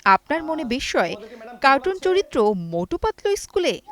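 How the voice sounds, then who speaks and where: A woman voices a scripted news report with a fairly high, lively voice that rises and falls a lot. Her reading is clear and steady. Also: moderate pace.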